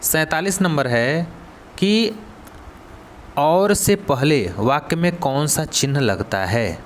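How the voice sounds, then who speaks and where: A man's voice: fairly high pitch, expressive, slow, a little hiss or hum. A male coaching teacher with a Hindi accent going through exam questions. He asks the students, then answers and repeats the key words. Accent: Hindi, Varanasi region.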